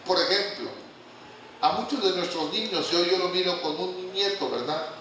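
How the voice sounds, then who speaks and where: An older man delivers a lively, joking church sermon and keeps calling out questions to his congregation. His voice is bright and slightly high for a man. It is picked up from a distance in a very echoey church hall with faint background noise. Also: normal speed. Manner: lively, humorous preaching with call-and-response questions. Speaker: guest pastor.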